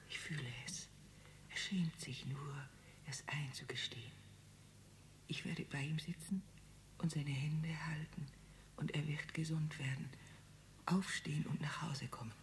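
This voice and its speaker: A woman's voice: fairly low pitch, steady tone, measured pace, long pauses, slight background noise. A desperate aging mother. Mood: hushed pleading. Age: older. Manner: pleading, mostly in hushed whispers. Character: aging mother desperate to see her dying husband. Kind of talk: radio play acting.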